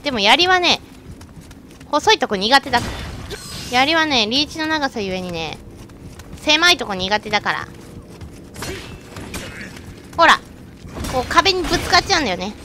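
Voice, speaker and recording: High, bright, excitable woman gamer. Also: normal speed, pauses often, slight background noise. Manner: excitable, shrieks and laughs at the game; chatty self-mocking asides. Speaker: game streamer. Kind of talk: let's-play commentary.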